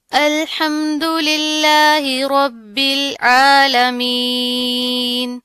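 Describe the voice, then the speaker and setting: Give me a woman teaching Quran recitation, slightly high and very dry, no room sound, patient and explanatory. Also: bright, forceful tone, clean tone, no echo. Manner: explains slowly, checks in with the learner often; recites verses slowly and melodically. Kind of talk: tajweed lesson.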